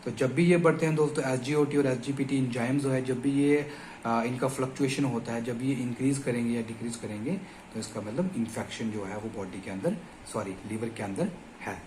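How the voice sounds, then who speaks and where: A man's voice: medium pitch, a little fast, a little mellow, slight background noise. A man explaining medical lab tests step by step in an informal lecture, often addressing listeners as friends. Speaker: medical educator. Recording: echoey room with faint ambience.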